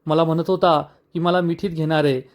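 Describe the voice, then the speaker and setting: Frightened young woman, pleading, rushed, voiced by a man, fairly high voice. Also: flat delivery, natural voice.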